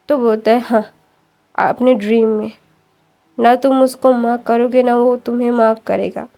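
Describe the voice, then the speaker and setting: A woman's voice: fairly high pitch, gravelly, dark tone. Chatty woman retelling a story. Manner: chatty, strings sentences with fillers and quick self-corrections. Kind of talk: casual spoken retelling of a fan story.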